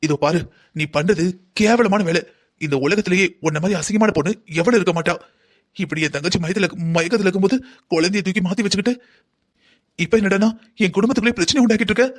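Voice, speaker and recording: A voice actor playing an agitated elder sister in a cartoon, scolding and confronting. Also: female voice, medium pitch, fast talker, close to an everyday voice. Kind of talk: cartoon voice acting.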